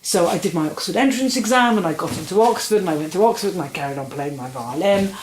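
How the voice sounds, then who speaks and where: Guest in her sixties, rambling talker, lowish woman's voice in a roomy room with faint hiss. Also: quick pace. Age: 60s. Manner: animated, rambling storytelling with restarts. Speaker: interview guest. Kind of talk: casual conversational interview. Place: room in a house. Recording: roomy, faint ambient noise.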